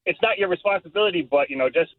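A man calling into a show on a speakerphone, telling his story in a rambling, halting way. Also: high voice, no echo. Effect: speakerphone call. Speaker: caller. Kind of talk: casual call-in chat. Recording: tinny dry phone line.

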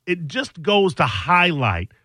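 A man's voice: a little high, slow, no room sound, studio quality. A man hosting a radio show, telling stories in casual banter with a co-host, laughing and teasing as he goes. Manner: animated, laughing, teasing storyteller.

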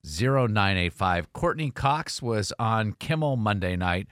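A man's voice: fairly low pitch, animated, measured pace, a bit bright, clear, resonant tone, dry recording, clean studio sound. A man hosting a radio talk show, casual and jokey, who laughs often. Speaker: radio host. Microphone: studio mic.

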